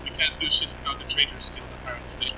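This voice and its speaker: A man's voice: a little high, fairly even intonation, quick pace. Man on distant, noisy voice chat. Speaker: friend on voice chat. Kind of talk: casual gaming chat.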